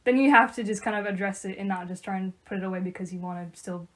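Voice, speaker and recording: Fast-talking teen girl giving advice. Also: mid-range voice. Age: teens. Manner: quick, advice-giving, finishes her co-host's points. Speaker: podcast co-host. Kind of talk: casual podcast chat.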